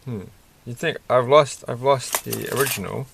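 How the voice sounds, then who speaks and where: At night, indoors at a desk, a soft-spoken man with a gravelly voice rambles casually while building a toy kit for his vlog, muttering to himself and putting himself down. His pitch is medium, his speed normal, and the background is noisy.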